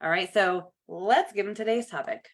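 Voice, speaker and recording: A woman's voice: mid-range voice, normal speed. A woman hosting a live coaching call over video, chatty and upbeat, greeting viewers by name. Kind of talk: casual live coaching chat.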